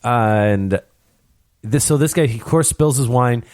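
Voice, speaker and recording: A man's voice: medium pitch, measured pace, a little mellow, no echo, clean studio sound. A young man hosting a casual hockey podcast, telling stories with animation and mimicking people. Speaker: podcast host.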